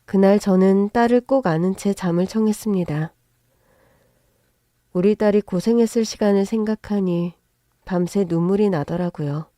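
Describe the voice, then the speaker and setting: A woman narrating a first-person family story in a calm, measured way. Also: medium pitch, no echo, clean studio sound.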